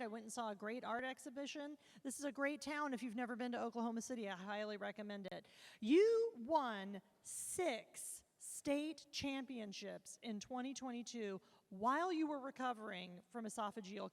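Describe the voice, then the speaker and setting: Lady event host, upbeat interviewing, kinda high voice with lots of fry.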